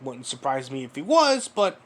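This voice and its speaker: Sarcastic man with a lively voice. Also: medium pitch, normal speed. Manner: sarcastic, profane, lecturing. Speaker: commentator reacting to a clip. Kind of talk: mocking reaction commentary.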